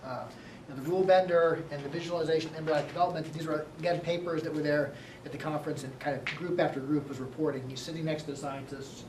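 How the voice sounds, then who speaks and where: A man lecturing a university class, talking quickly and excitedly and often checking in with "right?". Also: fairly high pitch, far from the mic. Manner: fast-talking, excitable, many "right?" tags. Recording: echoey classroom recorded from afar, noisy.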